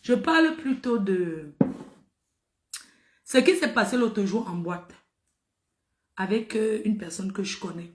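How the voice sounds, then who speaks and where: A woman's voice: mid-range voice, animated, takes it slowly, pauses often, reverberant. A middle-aged woman telling a story to her viewers in a casual, emphatic way, repeating phrases for effect. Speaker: social media personality.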